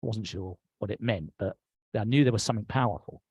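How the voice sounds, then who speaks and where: A man's voice: lowish voice, fast, a little mellow, slightly rough, no room sound. A middle-aged man with an English accent, a guest telling his life story in a reflective way. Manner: reflective, recounts with quoted dialogue. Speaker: interview guest. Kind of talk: personal storytelling.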